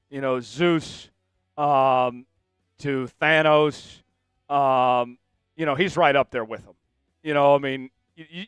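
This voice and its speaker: A man's voice: mid-range voice, a bit bright, clear, resonant tone, no echo, muffled recording. A man hosting a casual live-stream sports show, talking energetically and rambling straight to his viewers.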